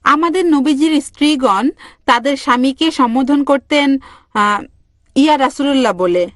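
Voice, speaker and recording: High-voiced woman asking a question. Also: moderate pace, no echo, studio quality. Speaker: audience member asking a question.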